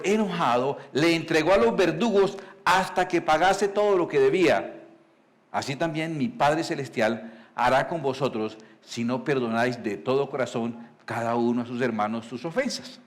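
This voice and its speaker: A male pastor, preaching in a conversational storytelling style, asking the congregation questions and reading scripture slowly. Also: fairly high pitch. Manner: reads scripture slowly and deliberately. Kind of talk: sermon.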